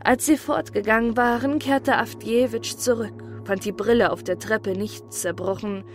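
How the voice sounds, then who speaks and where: Calm woman reading an audiobook. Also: mid-range voice. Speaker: narrator. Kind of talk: audiobook narration of a classic story.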